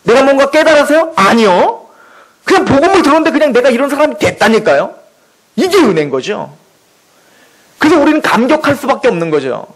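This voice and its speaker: A man's voice: very high-pitched, big pitch swings, fairly quick, rough recording. A male pastor preaching a sermon in church, emphatic and full of rhetorical questions.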